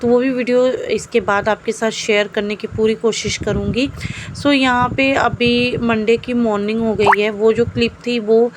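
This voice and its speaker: A woman's voice: fairly high pitch, fairly even intonation, measured pace, background noise. A young woman vlogger chatting casually to her viewers in a rambling way, often slipping in English words. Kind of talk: casual family vlog chat.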